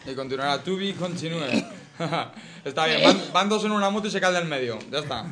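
Un hombre que presenta un programa con acento de España. Anima y ríe a menudo, con una voz algo aguda. Detrás se oye con claridad el murmullo de un grupo. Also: male voice, on the high side, lively intonation, fairly quick, crowd noise. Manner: laughing, encouraging. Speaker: host. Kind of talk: casual chat.

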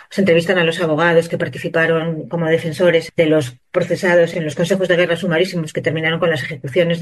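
High-voiced man, earnest guest. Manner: earnest, fluent, steady explaining. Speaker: journalist and author guest. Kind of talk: interview answers.

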